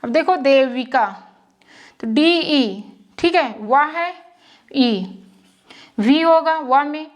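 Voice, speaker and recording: Female teacher, high and unhurried, patient, sounds out each syllable. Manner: patient, repeats and checks with "ठीक है". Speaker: English spelling teacher. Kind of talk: slow spoken lesson.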